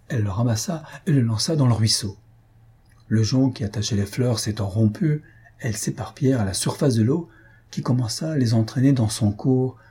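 A man narrates a classic novel in calm, measured storytelling. His voice is dark and mellow, with a strongly husky, breathy grain. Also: fairly low pitch. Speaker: audiobook reader. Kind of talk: scripted audiobook narration.

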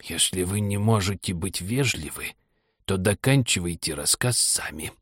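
A man voicing a sleepy, sulky little male dormouse in a weak, hoarse voice, mumbling slowly. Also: medium pitch, animated, no echo, clean studio sound, close to an everyday voice. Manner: slow mumbling, drowsy. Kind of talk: audiobook character reading.

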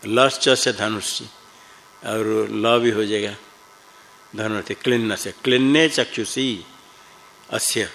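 A man teaching Sanskrit grammar in a class, reciting rules slowly and patiently quizzing his students. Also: lowish voice, fairly even intonation, gravelly, fairly bright tone, a little hiss or hum, low-quality recording.

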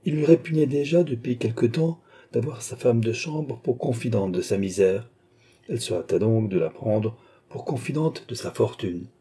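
A man narrating a classic novel as an audiobook, in a measured storytelling manner. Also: mid-range voice, dark tone, slightly rough.

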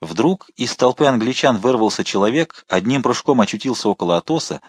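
A man narrating a historical adventure audiobook in an expressive, dramatic manner. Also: medium pitch, fairly quick, slightly rough, no echo, studio quality. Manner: expressive, shifting to voice the characters.

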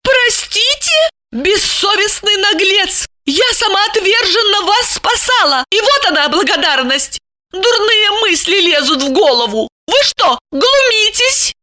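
A woman voicing a shrill, indignant housewife. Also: sing-song, pushed and bright, full character voice. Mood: furious scolding. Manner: shrill, scolding, quick to flare up. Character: indignant, excitable plump married woman. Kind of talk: audiobook character voice.

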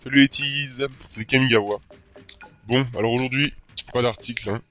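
A man's voice: medium pitch, steady tone, moderate pace, fairly bright tone. A teenage young man presenting an informal spoken segment on web radio. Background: music.

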